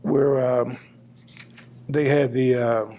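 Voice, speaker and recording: An elderly man, a veteran in his seventies, reminiscing plainly in a casual interview, pausing as he recalls details. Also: medium pitch, little pitch movement, warm tone. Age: 70s. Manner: old veteran remembering, plain-spoken, halting recall.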